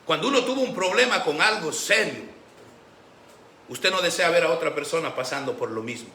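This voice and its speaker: A man preaching a Sunday sermon as pastor, animated, acting out the voices he quotes. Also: on the high side, brisk. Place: church sanctuary. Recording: echoey church room with faint background noise.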